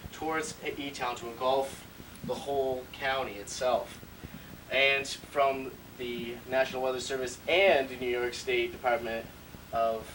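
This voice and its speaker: A man's voice: medium pitch, a bit bright, natural voice. A man playing a breezy, mock-serious weatherman in a parody newscast. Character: parody TV weatherman cheerfully forecasting wild teen parties. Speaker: weather presenter. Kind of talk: parody news weather report. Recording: distant mic, faint room noise.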